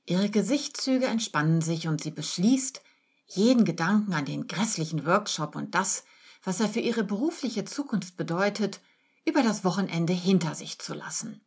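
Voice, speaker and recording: A woman narrates an audiobook in calm, measured prose. Her voice sits low, with a husky, breathy texture.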